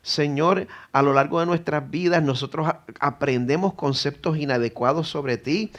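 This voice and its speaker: A middle-aged man from Puerto Rico, with a Puerto Rican Spanish accent, preaches an earnest sermon in a church sanctuary that rises to emphatic exhortation. His voice is fairly high and fairly bright at a moderate pace, with the highs cut off.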